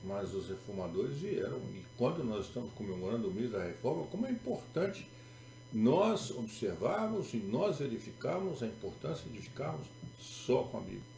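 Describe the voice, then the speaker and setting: A man's voice: medium pitch, big pitch swings, moderate pace, gravelly, dark tone. A Brazilian man with a Brazilian accent preaching a sermon as a pastor, emphatic and repetitive, with sarcastic turns. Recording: echoey room with faint music.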